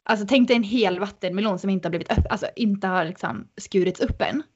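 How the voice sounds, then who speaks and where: A woman guest on a podcast, telling a story in an animated, casual way with many fillers. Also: medium pitch, highs cut off, slight background noise.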